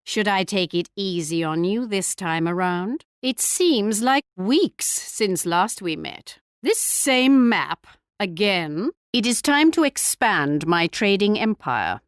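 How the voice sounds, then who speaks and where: A woman's voice: medium pitch, big pitch swings, slow, smooth, no room sound, studio quality. An actress playing a haughty queen in a strategy video game, speaking in a regal, arch, mocking manner. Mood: commanding. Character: haughty English queen leading her empire, taunting rivals. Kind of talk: scripted strategy game taunts and announcements.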